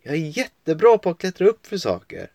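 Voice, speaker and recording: A man's voice: sing-song, warm tone, no room sound, studio quality. A man voicing a cheerful little girl stuck in a treetop in a children's story. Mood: chirpy. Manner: high, chirpy replies.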